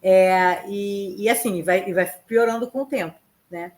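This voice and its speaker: A woman reporting as a news correspondent in a relaxed, conversational way. She stops and restarts often and fills gaps with small hesitations. Her pitch sits in an ordinary middle range. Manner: halting, many restarts and fillers.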